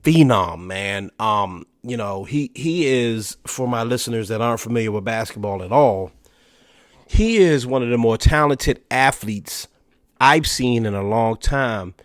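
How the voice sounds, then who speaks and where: A podcast host with a mid-range, animated voice talks a little slowly in casual solo commentary, sounding slightly stuffy and nasal from allergies. His chat is loose and conversational, full of "you know" and restarts. The studio recording is clean with no echo.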